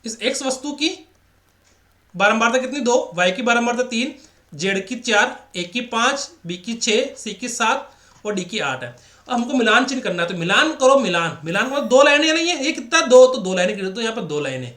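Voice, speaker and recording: A man's voice: high-pitched, lively intonation, fairly quick, a bit bright, reverberant. A man teaching a maths lesson in a chatty, repetitive way, often asking rhetorical questions. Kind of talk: casual classroom lecture.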